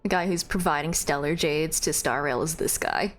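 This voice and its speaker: A woman's voice: deep voice, moderate pace, faint music behind. A young woman doing casual, chatty live stream commentary, playfully reacting as she plays a game.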